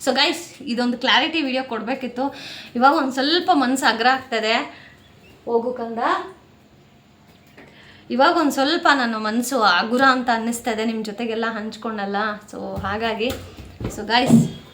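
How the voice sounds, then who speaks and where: High-voiced, indignant woman near tears. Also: normal speed, pauses often, a bit bright, reverberant. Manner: aggrieved, indignant venting to viewers. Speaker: family vlogger. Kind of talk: emotional talk to camera. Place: at home.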